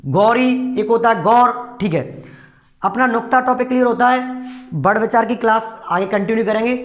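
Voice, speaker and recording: A man with a fairly high voice teaches a classroom lecture, walking through each point step by step. He keeps asking his listeners questions before answering them himself. The sound carries a noticeable room echo. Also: fairly bright tone. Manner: explains step by step with rhetorical questions.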